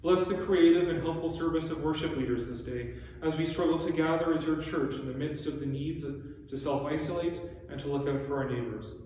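Man, solemn prayer leader, slightly high voice, very reverberant church recording. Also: a little mellow. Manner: solemn, measured. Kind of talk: reading liturgical intercessory prayer. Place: small church sanctuary, indoors. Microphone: distant camera. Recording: echoey church, distant mic, faint noise.

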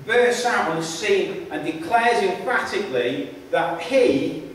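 A man delivers a sermon in a high, earnest voice, repeating and restarting his phrases for emphasis. He sounds far from the mic in a very echoey church hall with a long reverb tail. A faint hiss of room noise sits underneath. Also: expressive, measured pace. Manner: repetitive, emphatic, stumbling restarts. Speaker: preacher.

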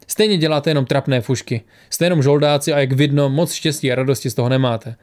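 A man's voice: medium pitch, steady tone, natural voice. A man voicing a stern, fed-up male traveler who lectures others in an audiobook.

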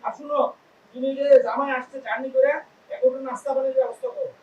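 A man's voice: extremely high pitch, flat delivery, fast, phone-quality sound, slight background noise. An actor playing a proud, indignant father-in-law who scolds his son-in-law in a TV comedy drama. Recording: roomy, distant from the mic.

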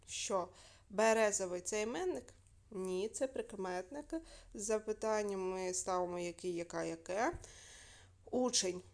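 Patient woman teaching a video lesson. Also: medium pitch. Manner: clear, patient, asks questions and answers them herself. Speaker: primary school teacher.

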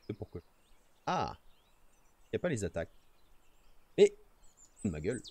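This lowish, husky, slightly mellow male voice is very animated but unhurried. He's streaming outside in nature, tinkering with the settings on his noise-gated streaming microphone and chatting casually to himself and his audience.

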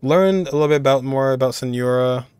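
A young man hosting a game reaction video muses aloud informally and casually. His mid-pitched voice is brisk, smooth and darkish, captured in a dry recording with no room sound.

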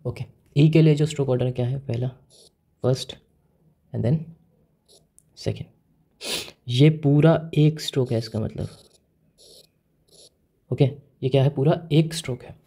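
A man's voice: medium pitch, unhurried, vocal fry, long pauses, dark tone, slightly rough. A man with an Indian accent teaching Japanese writing step by step, often asking the viewer questions and mixing English into his Hindi. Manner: mixes English words into Hindi. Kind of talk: whiteboard lesson in Hindi mixed with English.

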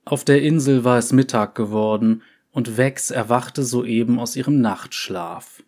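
A man narrating a fantasy story in a measured, deliberate reading. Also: medium pitch, a little mellow.

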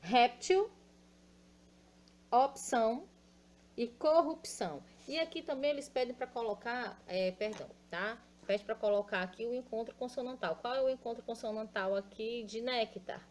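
A woman's voice: on the high side, moderate pace, darkish tone. A woman teaching a children's grammar lesson with a Brazilian Portuguese accent, patiently spelling out letters and repeating words syllable by syllable, calling her pupils affectionate names. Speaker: primary school teacher.

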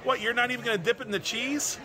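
A travel vlogger in his forties, seated at a busy indoor restaurant table, chats casually through his meal, repeating words and laughing a lot. His voice is very high-pitched and steady in tone, and he talks quickly. Loud music and crowded restaurant chatter fill the background.

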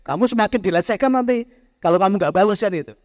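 A man delivers a conversational spiritual talk, speaking straight to his audience. His voice sits high for a man. The recording is dry and close, with little room sound. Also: expressive, fast, darkish tone, no echo. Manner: conversational, addresses listeners directly, mixes in Javanese words. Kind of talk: motivational talk to a live audience.

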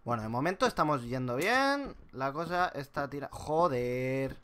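A man's voice: mid-range voice, animated, moderate pace, fairly bright tone, a little hiss or hum. Jumpy spanish guy with sudden yelps. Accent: Spanish from Spain. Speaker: gameplay youtuber. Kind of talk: horror game commentary.

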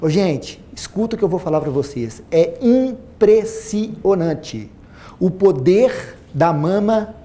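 A plastic surgeon in his forties, speaking Brazilian Portuguese with a Minas Gerais accent, gives an animated seminar talk from an auditorium stage to a large audience. He wears a lapel mic, has a high voice, and repeats phrases for emphasis.

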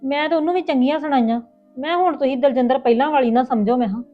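Outspoken, indignant elder sister with a Punjabi accent, played by a woman. Very quick delivery, lo-fi thin sound with faint music. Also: high-pitched, lightly acted. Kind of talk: village family drama acting. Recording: tinny phone-like lo-fi with music.

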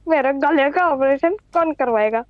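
A man's voice: very high voice, normal speed, muffled recording, a little hiss or hum. A young male co-player who whines, pleads and jokes while they play. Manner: whiny, pleading, joking.

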